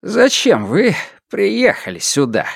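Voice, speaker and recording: A man's voice: huge pitch swings, slow pace, creaky, slightly rough, dry recording, clean studio sound, heavily acted. Man voicing a sneering old village headman. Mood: mocking. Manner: sneering, pitched up high, shouting when angry. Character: gruff older male village headman, defiant. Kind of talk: audiobook character voice.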